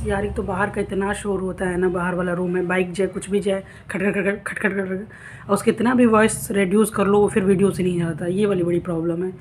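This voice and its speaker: Woman vlogger, casual chatty storyteller, mid pitch, home room with faint street noise. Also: flat delivery, quick pace, few pauses, a little mellow. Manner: chatty storytelling, acts out husband's quoted lines. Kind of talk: casual vlog chat.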